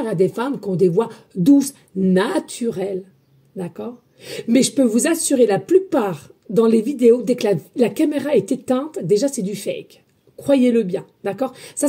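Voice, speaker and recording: A woman medium giving a spiritual guidance reading, talking loudly and emphatically and chatting with her viewers as friends. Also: on the high side, husky. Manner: loud, emphatic, energetic talk. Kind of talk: casual spoken guidance to viewers.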